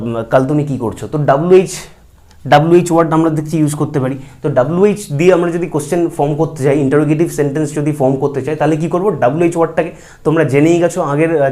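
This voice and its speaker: A man teaching English grammar in a video lesson. He uses many fillers and slows down to say each English example sentence with care. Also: on the high side, dark tone. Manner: speaks slowly and carefully when giving English example sentences, with many fillers.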